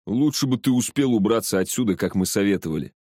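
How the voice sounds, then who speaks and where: A man doing a gruff burly young driver. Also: on the low side, lively intonation, quick pace, warm tone, no room sound, clean studio sound.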